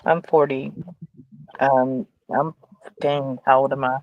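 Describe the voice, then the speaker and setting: A man's voice: mid-range voice, little pitch movement, slow, no room sound, lo-fi sound. A man in his forties in a casual group chat, talking in a reflective, hesitant way. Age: 40s. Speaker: panel guest.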